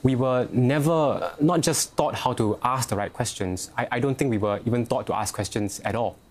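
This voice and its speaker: In a news interview, a young Singaporean man who heads a youth organisation answers questions hesitantly, with many fillers and restarts. He speaks Singaporean English in a medium-pitched voice at normal speed.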